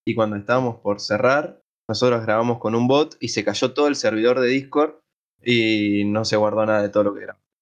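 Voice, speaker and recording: Low-voiced Rioplatense man joking around. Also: a little fast. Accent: Rioplatense Spanish. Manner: joking, swearing banter. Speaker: podcast co-host. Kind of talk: casual chat.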